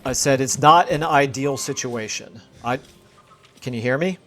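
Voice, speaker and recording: A man chatting casually while playing a video game with a friend, in a calm, measured way, heard over an online voice call whose audio keeps breaking up and cutting out. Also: mid-range voice. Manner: calm and measured, talks through tactics. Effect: choppy voice chat audio, breaking up and cutting out. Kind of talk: casual gameplay chat.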